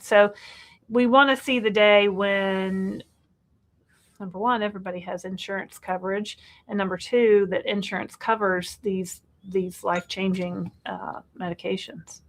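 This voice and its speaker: A woman in her fifties chatting on a live Q&A show. Her middle-pitched voice runs animated, rising into exasperated bursts and laughing asides as she talks things through. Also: moderate pace. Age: 50s. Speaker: co-host. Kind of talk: live Q&A chat.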